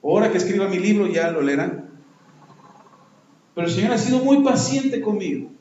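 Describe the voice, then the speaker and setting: A pastor preaches to his congregation, his fairly high voice rising and falling as he acts out the scenes he describes. The sound carries the echo of a church hall around him. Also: normal speed, highs cut off. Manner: animated preaching, acting out voices. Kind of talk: sermon.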